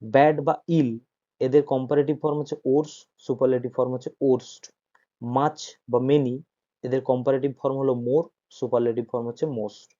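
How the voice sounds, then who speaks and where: A man's voice: medium pitch, steady tone, fairly quick, warm tone, dull audio. A man teaching a grammar lesson, explaining patiently, repeating points and checking that students follow.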